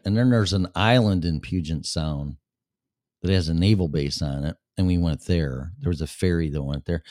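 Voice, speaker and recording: The host, a man with a Chicago accent, talks with his livestream viewers bluntly and at length, cursing often. He speaks low with a darkish tone, recorded dry with clean studio quality.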